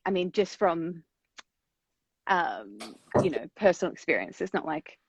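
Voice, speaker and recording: A woman's voice: lowish voice, sing-song, unhurried, vocal fry, background noise. A woman interviewing a guest over a video call, her voice cutting in and out on a bad connection while she hesitates with many fillers. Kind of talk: casual interview chat. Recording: dull, lo-fi video call audio.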